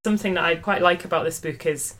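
A woman with a low voice chatting casually about a favorite childhood book. She sounds lively and laughs easily. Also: quick pace. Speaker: book podcast co-host. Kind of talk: casual chat.

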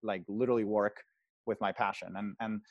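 Man, 30s, from Venezuela; interview guest speaking from home on a video call; halting, filler-heavy delivery, lower voice. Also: steady tone, dry recording, muffled recording. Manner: hesitant, many fillers and restarts. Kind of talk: casual interview storytelling. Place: home, indoors.

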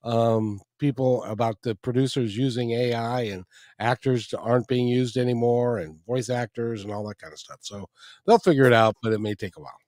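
A man's voice: mid-range voice, moderate pace, darkish tone, no echo. Chatty male talk show host, dry sound. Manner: friendly, chatty, repeats words. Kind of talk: casual interview and show outro.

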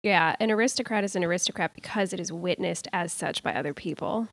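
A woman's voice: lowish voice, fast, no room sound. Dry-recorded female co-host. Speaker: podcast co-host. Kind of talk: casual group discussion.

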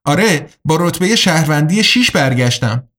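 A man voicing a sharp, determined young woman in an audiobook, speaking in an earnest, urgent way. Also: low voice, lively intonation.

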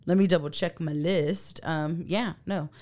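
A woman's voice: low-pitched, a little slow. A woman co-hosting a podcast, chatting casually and animatedly while reviewing a TV episode. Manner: chatty and animated, fillers and laughs. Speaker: podcast co-host.

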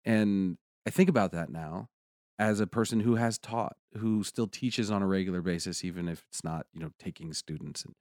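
A man with a very low, deep voice tells a personal story in casual conversation. He talks animatedly and climbs into excited peaks. The sound is dry and close to the mic. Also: normal speed, no room sound.

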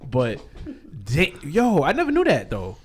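A man's voice: on the high side, huge pitch swings, a little slow, husky. A man co-hosting a podcast, joking around and laughing often in casual chat. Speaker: podcast co-host.

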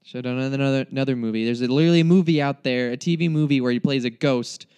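A man's voice: medium pitch, fast, a little mellow, clear, resonant tone. Rambling, mock-dramatic young man reviewing a film. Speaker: movie reviewer. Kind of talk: casual spoken movie review.

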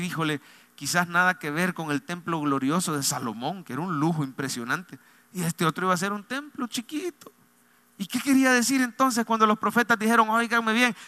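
A man's voice: sits high, bright, forceful tone, long reverb tail. A male preacher delivering a fervent sermon, building to emphatic peaks and calling his listeners brother.

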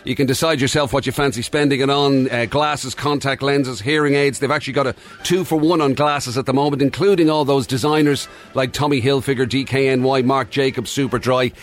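A man's voice: medium pitch, fairly even intonation, a little fast, few pauses. A man with an Irish accent co-hosting breakfast radio in a casual, chatty style on a studio microphone. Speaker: radio co-host.

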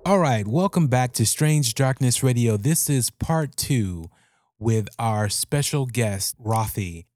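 A man's voice: medium pitch, lively intonation, slow pace, darkish tone, dry recording. A man hosting a podcast, introducing things in a casual, conversational way. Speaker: podcast host.

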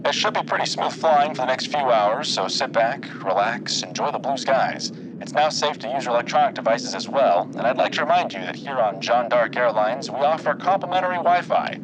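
A man doing a calm airline captain announcement. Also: mid-range voice, brisk, few pauses, background noise, close to an everyday voice.

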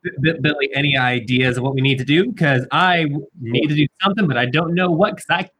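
A man with a husky voice chatting casually as a tabletop game player. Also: fairly high pitch, fast talker, a bit bright.

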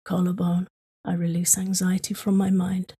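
A woman leading a guided tapping meditation for sleep, speaking in slow, soothing, repetitive prompts. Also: lowish voice, monotone, dark tone, slightly rough.

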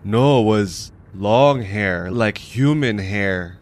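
A man voicing an excitable young local man with a Hawaiian Pidgin accent in an audio story, with slangy, pidgin-tinged delivery. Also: on the low side, slow. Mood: spooked.

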